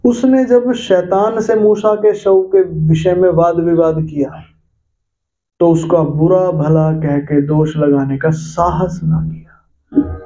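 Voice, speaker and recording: Male pastor from India, emphatic repetitive preaching, slightly high dark voice, muffled lo-fi recording. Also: steady tone, slow. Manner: emphatic, repetitive, addresses listeners directly with rhetorical questions. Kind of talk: Hindi sermon. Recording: dull lo-fi sound with faint music.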